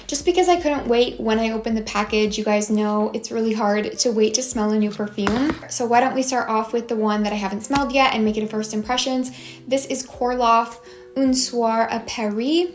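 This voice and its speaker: A young woman with a fairly high voice chats eagerly through a casual haul vlog. She gushes over each new find in a bright, chatty way. The sound carries a noticeable room echo. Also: fairly quick, soft background music. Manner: enthusiastic, bubbly, gushing. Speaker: beauty vlogger.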